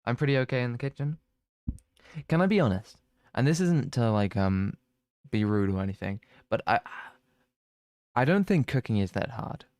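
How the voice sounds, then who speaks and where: A man's voice: mid-range voice, lively intonation, normal speed, long pauses, a little mellow, no echo, studio quality. A young man chatting casually on a stream, rambling and self-mocking, with plenty of swearing. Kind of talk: casual chat.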